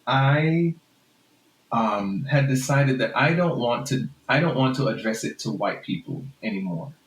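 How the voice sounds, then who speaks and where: A man's voice: medium pitch, expressive, unhurried, a little hiss or hum. Man, jamaican accent, podcast guest, earnest, laughs easily, roomy echoey sound. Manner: earnest and reflective, laughs often, light patois touches. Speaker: guest author. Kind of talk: conversational podcast storytelling. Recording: roomy echo.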